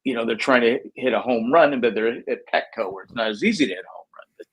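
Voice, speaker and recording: A man with a mid-pitched, slightly husky voice co-hosts a casual baseball chat. He rambles and restarts his sentences, repeating words as he vents about his team's hitting like a frustrated fan. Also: fast, poor audio. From United States. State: has the hiccups. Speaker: co-host of a baseball podcast.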